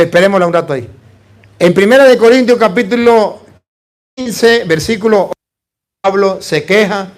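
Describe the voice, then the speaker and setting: High-voiced man preaching with rhetorical questions. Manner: lively preaching with rhetorical questions and call-and-response; humorous, plays out little dialogues. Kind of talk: sermon.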